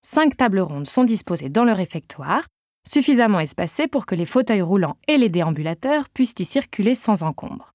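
A woman's voice: mid-range voice, sing-song, fairly quick, darkish tone, dry recording, clean studio sound. A woman narrating a novel in the first person with a wry tone. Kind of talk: audiobook narration.

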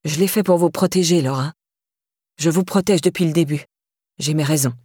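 A woman reading an audiobook, voicing an unsettling heavyset woman who speaks in a flat, neutral voice. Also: normal speed, no echo, clean studio sound. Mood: cold. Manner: toneless, low and neutral.

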